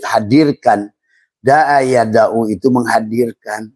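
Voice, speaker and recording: A middle-aged man giving an informal religious lecture, speaking in a slow, halting way with many fillers and repeated words, calling his listeners friends and referring to himself in the third person. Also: medium pitch, darkish tone, dry recording. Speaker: Islamic mysticism teacher.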